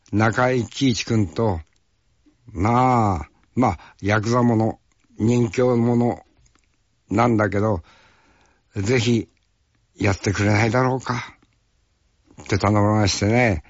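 A man from Fukuoka, an actor, telling stories from a film shoot in a rough, folksy, chatty way. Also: on the low side, slow, long pauses, dry recording, lo-fi sound. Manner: rough, folksy, peppers speech with tag questions. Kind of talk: casual storytelling reminiscence.

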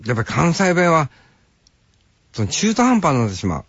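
A man's voice: a little high, big pitch swings, moderate pace, a bit bright, breathy edge, dry recording. An older man from Hokkaido with a Hokkaido accent, a radio host musing to himself in a casual monologue and mimicking greetings. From Hokkaido, Japan. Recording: dull lo-fi broadcast sound.

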